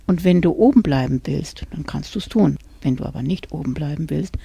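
A woman's voice: low voice, expressive, fairly quick, vocal fry, mellow, breathy edge, no echo, exaggerated voice. Woman telling Junker Tod, a coaxing Death. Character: Death as a sad young nobleman, persuasive.

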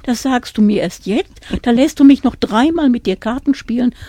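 A woman's voice: sits low, lively intonation, measured pace, mellow, slightly rough, no echo, heavily acted. A woman voicing a feisty old woman who outwits Death, in a storytelling voice. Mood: indignant.

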